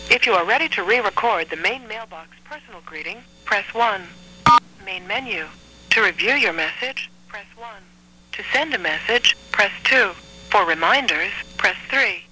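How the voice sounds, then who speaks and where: Woman, phone menu voice, very bright sharp tone, measured scripted prompts, voicemail system over a telephone line. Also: medium pitch, animated. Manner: measured, clearly segmented instructional delivery.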